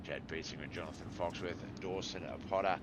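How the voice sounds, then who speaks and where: A man's voice: sits low, fairly even intonation, fairly quick, heavy background noise. A man calling sim racing play-by-play in a laid-back, rambling way. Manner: laid-back, rambling, yawning between calls. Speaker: race commentator.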